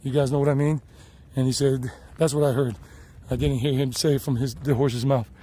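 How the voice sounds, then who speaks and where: An American man, a vlogger and tour guide, films a casual hiking vlog on a hilltop trail with a handheld camera, chatty and rambling with frequent restarts. His mid-range voice is warm and level, and he talks fairly quickly.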